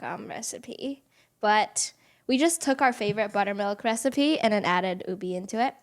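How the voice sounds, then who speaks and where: A woman's voice: medium pitch, fairly bright tone. A young woman co-hosting a casual home podcast, giggly and playful, talking and eating into a close mic at home. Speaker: podcast co-host. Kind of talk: casual chat. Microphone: close podcast mic without shock mount.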